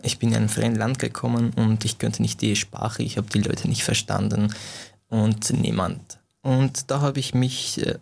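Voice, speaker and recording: Answering interview questions casually, this gravelly young Iranian man, a native Farsi speaker, has a lowish, slightly mellow voice. He halts frequently, hunting for words and starting over.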